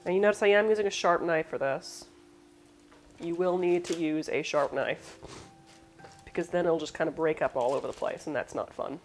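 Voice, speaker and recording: A woman's voice: sits low, normal speed, soft background music. A woman hosting a casual live cooking demo, rambling and self-deprecating while snacking between steps. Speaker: cooking show host.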